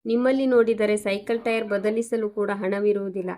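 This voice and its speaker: A woman's voice: mid-range voice, steady tone, brisk, dark tone, lightly acted. A woman voicing a worn-out wife who complains bitterly about money in a story reading. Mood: complaining.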